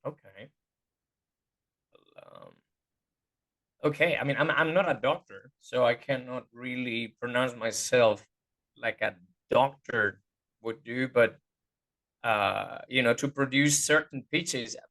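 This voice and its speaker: A man's voice: medium pitch, slow, long pauses, a bit bright. Hesitant man explaining singing. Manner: hesitant, searching for words, many fillers. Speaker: guest voice teacher. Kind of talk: casual interview chat.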